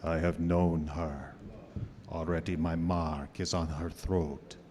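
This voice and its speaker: An actor playing a menacing, taunting vampire count in a grandiose, threatening manner for a radio horror play. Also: male voice, low voice, level tone, slow pace, darkish tone. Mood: taunting, triumphant. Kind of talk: live radio horror drama acting. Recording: long hall reverb, faint noise.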